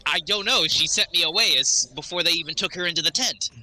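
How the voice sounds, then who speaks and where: A man's voice: fairly high pitch, quick pace, bright, forceful tone, voice pushed up, rough recording. A man voicing a tiny, foul-mouthed male pixie sprite with an annoying little voice, insistent and snappish, in a tabletop game. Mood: defensive, urgent. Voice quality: small, annoying voice. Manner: insistent, snappish, easily sidetracked.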